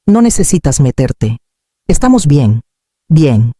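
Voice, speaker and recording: A woman's voice: low-pitched, sing-song, slow, warm tone, slightly rough, dry recording, heavily acted. A woman voicing a proud grown daughter who answers in short, defensive phrases. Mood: tense, defensive. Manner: curt, defensive. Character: tense proud grown daughter hiding debts.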